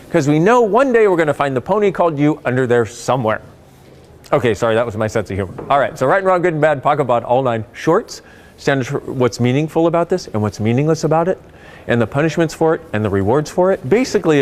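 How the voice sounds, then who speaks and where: Lively man explaining a self-help tool. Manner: animated, playful storytelling with sudden rises in pitch. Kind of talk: spoken explanation to camera.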